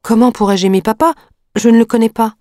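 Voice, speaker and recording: A woman's voice: a little high, steady tone, fast talker, warm tone, dry recording, clean studio sound, voice pushed up, natural voice. A woman reading aloud voices a sickly, frightened young boy who pleads and resists in plaintive questions.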